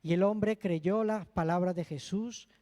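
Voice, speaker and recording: Male preacher, higher voice, earnest testimony, long church-hall reverb. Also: measured pace, warm tone. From Spain. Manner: earnest, heartfelt storytelling with emotional asides. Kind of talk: sermon with personal testimony.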